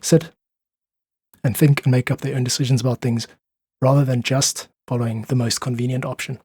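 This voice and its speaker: A South African independent musician, appearing as a podcast guest, shares his opinions earnestly and thoughtfully in a reflective interview. His medium-pitched voice is husky and darkish, level in tone and fairly quick. The recording is clean studio sound with no echo.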